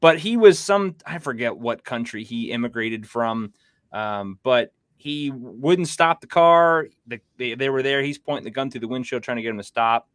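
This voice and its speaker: A man's voice: medium pitch, moderate pace, a bit bright, clear, resonant tone, dry recording, studio quality. A man hosting a casual podcast livestream, rambling through news and reading chat comments aloud. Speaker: podcast host.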